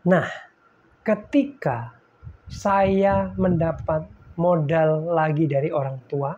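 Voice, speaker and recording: A middle-aged man shares a heartfelt faith testimony, speaking slowly with a husky, breathy voice. He talks straight to his listeners, dropping to near-whispers and then rising to fervent declarations. The audio sounds slightly dull and muffled. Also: fairly high pitch. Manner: emotional, swinging between soft hushed lines and loud fervent ones; keeps addressing listeners as "guys".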